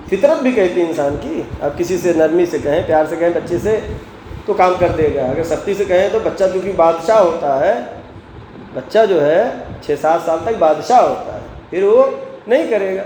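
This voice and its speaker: At a mosque, a man with a high, mellow voice preaches a Friday sermon, posing questions to the congregation and answering them himself while reciting Quranic verses. The echoey hall carries faint background noise.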